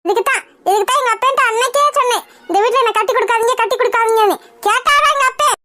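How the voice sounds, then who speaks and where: A woman's voice: very high voice, very fast, pushed and bright, no echo. A woman voicing a weepy, complaining young daughter-in-law in a cartoon comedy, in a whiny voice.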